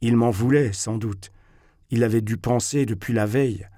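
A man reading a first-person novel aloud in a measured, bitter inward tone. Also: medium pitch, mellow, dry recording, clean studio sound. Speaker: audiobook narrator. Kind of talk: first-person literary narration.

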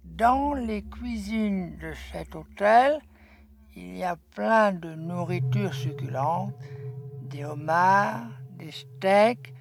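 A woman voicing a hushed scheming message. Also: medium pitch, vocal fry. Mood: conspiratorial. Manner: hushed, conspiratorial, slow. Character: eccentric candy maker's secret message, hushed and scheming. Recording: music behind.

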